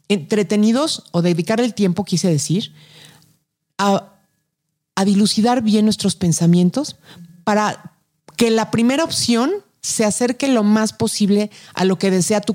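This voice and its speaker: A woman's voice: medium pitch, darkish tone. A middle-aged Mexican woman, a podcast guest, giving advice in an emphatic, colloquial way. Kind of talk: casual conversation.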